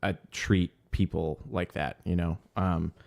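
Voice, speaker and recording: This co-host's voice sits low, gravelly and darkish, with fairly even intonation and a measured pace. He's reading music news on a casual podcast, hesitant and um-heavy, trailing off and leaving sentences unfinished while searching for words.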